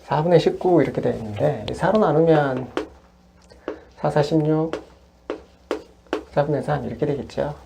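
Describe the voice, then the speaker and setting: A woman's voice: sits low, normal speed, vocal fry, pauses often, noisy background. A woman math tutor patiently walking through worked exercises step by step. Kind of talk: worked-example lesson.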